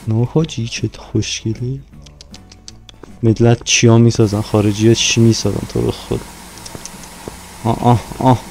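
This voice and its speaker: A man's voice: medium pitch, level tone, gravelly, pauses often, a little mellow, soft background music, low-quality recording. Playful man narrating his gameplay. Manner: playful, talks to himself while playing. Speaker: gaming YouTuber. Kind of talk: casual game commentary.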